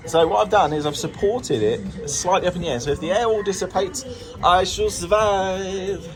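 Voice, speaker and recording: A man's voice: high voice, normal speed, music in the background, rough recording. A British man chatting casually for a vlog about his own work, playful and jokey, slipping into silly baby-talk words. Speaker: car dealer filming a repair vlog.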